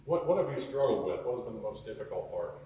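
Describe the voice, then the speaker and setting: A man presenting an unscripted campus tour and interviewing as he goes, with a halting delivery that repeats words. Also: medium pitch, expressive, warm tone, dull audio. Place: echoey indoor campus building. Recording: very echoey, distant mic, noisy ambience.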